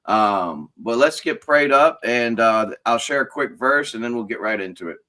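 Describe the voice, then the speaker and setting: A man hosts a casual live chat for business owners and leads a prayer, talking in a chatty, rambling, informal way. His mid-range voice is animated and sharp-toned at a moderate pace, and he sounds stuffy, sniffling a bit.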